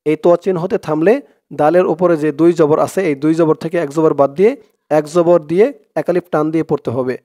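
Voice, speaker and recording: High-voiced man teaching Quran reading. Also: steady tone, warm tone, no echo, studio quality. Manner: explains spelling rules, then chants verses slowly and drawn out. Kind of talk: step-by-step recitation lesson.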